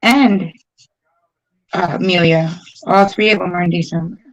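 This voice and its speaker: A woman's voice: lowish voice, steady tone, unhurried, muffled recording. A woman in her forties on a video call from home, chatting on a livestream and telling rambling, self-deprecating stories. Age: 40s. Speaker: guest co-host. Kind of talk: casual livestream chat. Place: room at home. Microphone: webcam on a video call.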